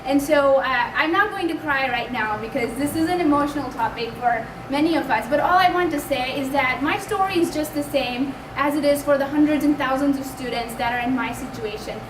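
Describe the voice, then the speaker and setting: A young woman in her twenties from Pakistan, giving an earnest, conversational personal testimony at a community event and speaking up loudly. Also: high voice, fairly quick, few pauses. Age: 20s. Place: community hall. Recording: echoey room, distant mic, background noise.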